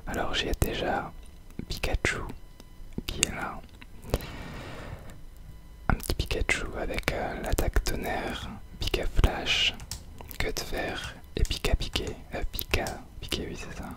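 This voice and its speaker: A man whispers softly, very close to the ear, as he gives ASMR gameplay commentary. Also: unhurried, pauses often. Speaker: host of an ASMR gaming video.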